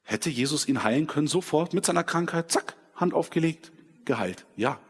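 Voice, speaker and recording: A man preaching a sermon in a church hall, switching between dramatic scripture reading and quiet personal reflection. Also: a little high, expressive, moderate pace, husky. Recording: long hall reverb.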